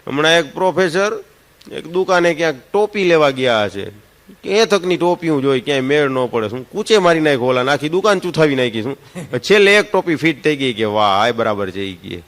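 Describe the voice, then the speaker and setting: A man's voice: fairly high pitch, big pitch swings, fairly quick, a bit bright. A man with a Kathiyawadi Gujarati accent performing stand-up, telling jokes and acting out the voices of the people in them. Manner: acts out voices in his jokes. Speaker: stand-up comedian. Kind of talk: joke-telling stage comedy. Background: audience laughter.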